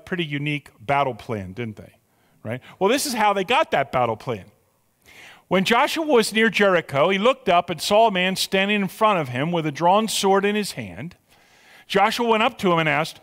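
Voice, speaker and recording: A man's voice: high voice, bright, forceful tone. A man preaching an expository sermon, stretching key words for emphasis and putting rhetorical questions to his listeners. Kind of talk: expository sermon with scripture reading. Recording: long hall reverb.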